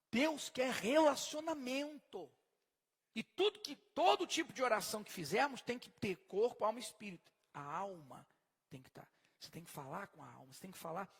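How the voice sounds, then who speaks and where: Pastor preaching in echoing hall. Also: male voice, high-pitched, vocal fry, breathy edge. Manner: emphatic, swings from soft to loud, questions the congregation. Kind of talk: sermon. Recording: long hall reverb.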